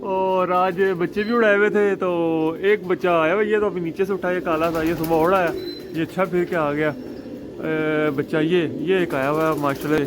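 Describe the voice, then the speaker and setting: Excitable high-voiced man on a rooftop. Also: moderate pace, noisy background. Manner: chatty, excitable, laughs at himself. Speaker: pigeon keeper vlogger. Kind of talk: casual rooftop vlog. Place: outdoor rooftop with pigeons. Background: pigeons cooing.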